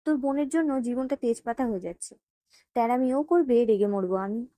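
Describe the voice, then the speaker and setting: A woman narrator doing a jealous, hot-tempered young man who shouts and grits his words through clenched teeth in an audio story. The voice sits fairly high and mellow, recorded close and dry. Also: lively intonation, fairly quick, no echo, natural voice. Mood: angry.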